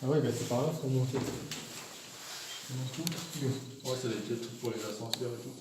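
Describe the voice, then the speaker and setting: A man's voice: mid-range voice, moderate pace. A man chatting casually and in slang while exploring, sounding uneasy and watchful. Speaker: urban exploration vlogger. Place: inside an abandoned hospital at night. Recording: very echoey, distant, noisy camera audio.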